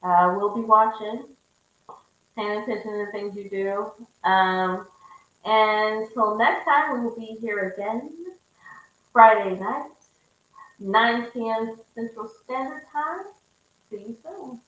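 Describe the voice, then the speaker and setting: A woman's voice: on the high side, slow, pauses often, fairly bright tone, recorded from a distance. Woman host of a live-stream chat, easy laughter, strong room echo. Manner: laughs often, affirming "okay". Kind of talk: casual live-stream interview.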